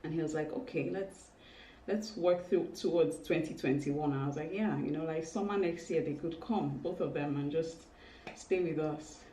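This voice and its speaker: A woman in her thirties talking casually and confessionally to vlog viewers, candid and emotional, with halting speech and small exclamations. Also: sits low, warm tone. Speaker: vlogger. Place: indoors in a home room. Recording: roomy, distant mic, faint noise.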